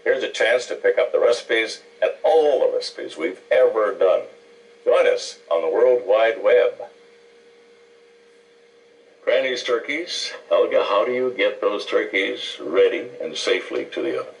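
A man in his 60s hosts a cooking show in a TV studio kitchen, bantering and presenting in a casual, chatty way. His voice is on the low side, expressive, and at a normal speed. It comes from old TV broadcast tape through a distant mic.

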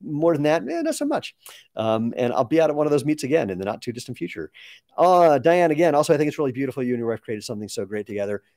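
A man in his sixties, founder of a company, takes viewer questions on a live stream, chatting casually and wandering into asides. His mid-range voice is expressive and slightly mellow, delivered rapid-fire in a recording without echo.

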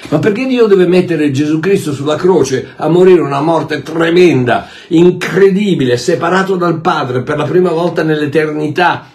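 A man preaching a sermon in an emphatic way, asking rhetorical questions and swinging between loud bursts and quiet asides. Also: on the high side, normal speed.

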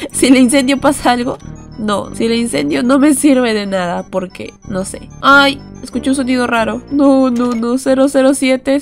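A young woman streaming a horror game, chatting nervously to viewers and breaking into frightened shrieks. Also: on the high side. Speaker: gaming streamer.

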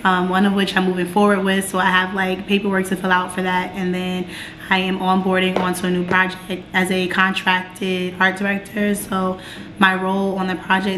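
A young American woman with a hoarse, raspy smoker-like voice, chatting casually to camera in a vlog. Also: medium pitch, fairly bright tone. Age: young adult. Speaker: vlogger. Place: bright open-plan apartment, indoors. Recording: roomy echo, clear background noise.

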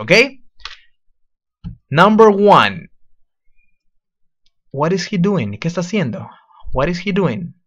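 A man teaching an English class to children online, switching to slow, drawn-out model phrases for the children to repeat. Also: mid-range voice, fairly bright tone, dull audio.

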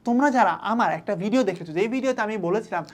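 Fast-talking young woman tutor. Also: a little high. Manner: coaxing, asks and answers her own questions. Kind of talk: online study-advice lesson.

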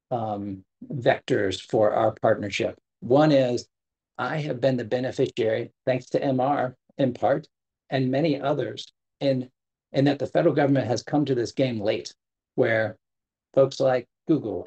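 A middle-aged man, a government sustainability official, delivers a prepared keynote over a video call from a webcam at his desk. His mid-range voice is a little mellow and slightly rough, and he speaks earnestly, with frequent fillers and self-corrections.

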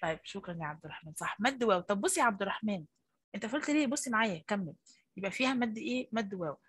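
A woman with an Egyptian Arabic accent, a primary school teacher coaxing and praising young pupils in an online class, her voice a little husky. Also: mid-range voice, lively intonation, very fast, fairly bright tone, no room sound.

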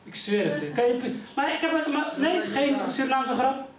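A high-voiced male stand-up comedian from the Netherlands, with a Rotterdam Dutch accent, performs on a community venue stage before a crowd audible in the background. He tells stories animatedly at a moderate pace, acting out voices. The distant mic picks up a roomy live hall.

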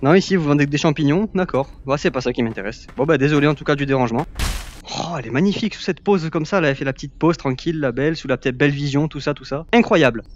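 A gaming YouTuber, a young man with a slightly high voice, talks fast in a casual Let's Play while playing a VR game, playfully teasing the characters he fights. The audio is dull with a little background noise.

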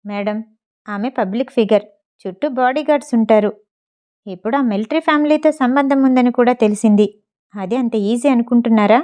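A woman's voice: a little high, fairly quick, mellow, natural voice. A woman voicing a sneering male hired thug who talks in a mocking, irritated way over the phone.

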